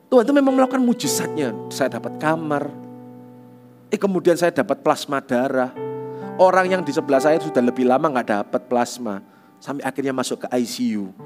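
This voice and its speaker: Male youth pastor, animated testimony sermon over soft guitar. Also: medium pitch. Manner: animated storytelling, repeats tag phrases.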